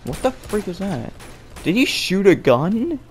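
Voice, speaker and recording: Young man, let's play commentary, jokey, lively swooping pitch, slow drawn-out pace. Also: slight background noise. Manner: excitable, jokey, self-mocking. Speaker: gameplay commentator.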